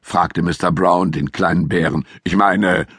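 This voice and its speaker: A man's voice: sits low, fairly even intonation, unhurried, fairly bright tone, breathy edge, no room sound, studio quality, exaggerated voice. A man voicing an earnest, slightly pompous family father in a children's audiobook. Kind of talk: audiobook character voice.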